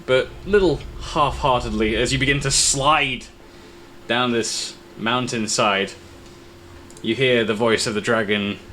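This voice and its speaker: Male game master, mid-pitched voice, halting descriptive narration, faint background noise. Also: a bit bright. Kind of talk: improvised tabletop game narration.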